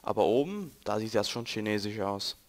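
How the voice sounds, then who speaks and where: A young German-accented man jokes and chats with viewers while playing a game, his voice lowish, animated and brisk. It's a let's-play gamer giving casual gameplay commentary, captured in a noisy home recording.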